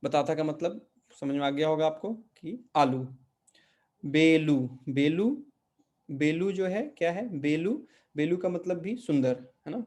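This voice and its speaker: A man's voice: fairly high pitch, expressive, moderate pace, darkish tone. A middle-aged man teaching a language class, patiently explaining pronunciation and often checking with the students. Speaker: Portuguese teacher. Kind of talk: online language lesson in Hindi.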